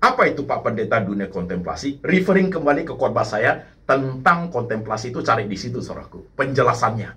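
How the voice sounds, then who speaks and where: A middle-aged male pastor delivers a sermon to his congregation. His pitch moves a great deal, dropping soft at the ends of phrases and rising into forceful, emphatic bursts. He slips English phrases into his preaching now and then. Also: animated, brisk, few pauses. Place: church.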